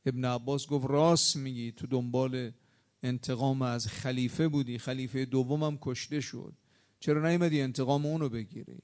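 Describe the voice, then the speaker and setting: A man's voice: medium pitch, fairly even intonation, a little mellow. A man preaching a sermon on religious history. He tells the stories with rising emphatic outbursts and rhetorical questions, and he voices the quoted figures in his own tone.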